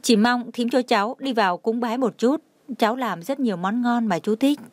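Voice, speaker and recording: A woman's voice: a little high, normal speed, dry recording, natural voice. A woman voicing a tearful young woman who sobs and pleads for forgiveness. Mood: pleading. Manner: sobbing, pleading.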